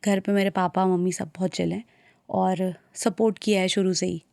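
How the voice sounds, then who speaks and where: A young woman from Uttarakhand, a singer, talking softly and a little hesitantly as an interview guest. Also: fairly low pitch, level tone, normal speed, creaky, no room sound, studio quality. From Uttarakhand, India. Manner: soft-spoken, shy, hesitant. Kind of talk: casual interview conversation.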